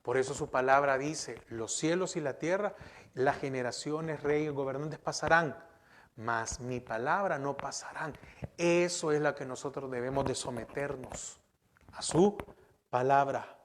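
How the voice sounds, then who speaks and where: A man's voice: medium pitch, unhurried. A middle-aged man preaching a sermon as pastor, speaking emphatically and asking the congregation questions. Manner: emphatic, repeats words and restarts.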